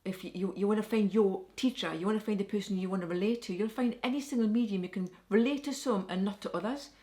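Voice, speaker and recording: A woman medium chatting as a guest, earnest and serious in tone. She leans hard on her key words and repeats them for weight. Her pitch sits in the middle for a woman. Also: quick pace, dark tone. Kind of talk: casual conversation.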